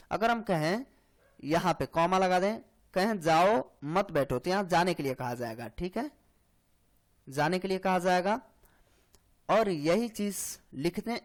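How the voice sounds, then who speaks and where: A man teaching grammar for exam preparation, explaining slowly and checking in often with "hai na" and "theek hai". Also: high-pitched. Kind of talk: exam-prep lecture.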